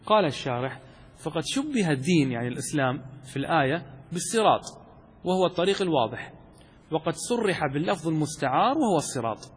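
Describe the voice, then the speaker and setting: A man's voice: a little high, very animated, fast talker, husky. A man teaching a class on Arabic rhetoric, asking questions and answering them himself, repeating key terms. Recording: long hall reverb.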